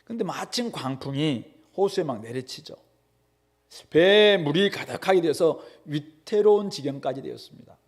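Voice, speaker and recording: A man's voice: a little high, animated, moderate pace. A male pastor giving a conversational sermon, with frequent fillers and rhetorical questions.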